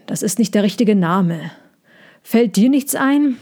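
A woman reading a storybook aloud, voicing a calm, scheming man who runs the show, musing to himself in an unhurried way. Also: medium pitch.

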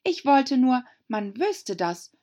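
A woman's voice: sits high, very animated, slow, dark tone, pitched above the performer's own voice, exaggerated voice. A woman voicing Alice, a polite and thoughtful young girl, speaking earnestly. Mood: eager.

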